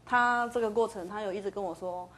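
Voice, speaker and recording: Soft-spoken Taiwanese woman guest. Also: mid-range voice, fast talker. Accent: Taiwanese Mandarin. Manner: soft-spoken, hesitant, mixes in Taiwanese phrases. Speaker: interview guest. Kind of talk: personal story in an interview.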